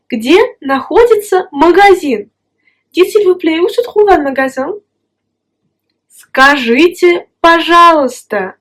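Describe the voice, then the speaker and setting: A young woman with a Russian accent teaching a language lesson, patient and careful, drawing out each Russian word. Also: high-pitched.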